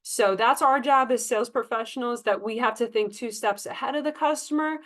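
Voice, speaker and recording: Fairly high-pitched, fairly quick and a bit bright, a woman delivers an informal training talk to staff as their sales trainer. She offers tips in an emphatic, conversational coaching manner, performing example dialogue as she goes.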